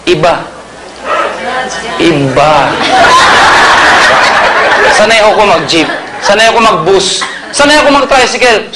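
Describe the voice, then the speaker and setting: A man from the Philippines giving a joking sales seminar to a live audience, telling stories and quizzing the crowd. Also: high-pitched. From Pangasinan, Philippines. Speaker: marketing presenter. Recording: noisy hall with a reacting crowd.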